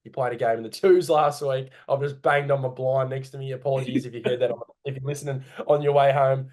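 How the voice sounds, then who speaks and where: A man's voice: medium pitch, fairly even intonation, fast talker, darkish tone. Man, Australian accent, podcast co-host, casual chat, hesitant, self-correcting, home recording. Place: home room.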